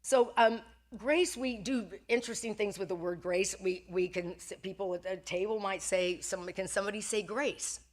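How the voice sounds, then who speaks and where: A woman's voice: medium pitch, fairly even intonation, moderate pace, hardly any pauses. Older woman, casual sermon, chatty, self-deprecating, laughs often. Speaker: speaker at a Sunday service. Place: church sanctuary.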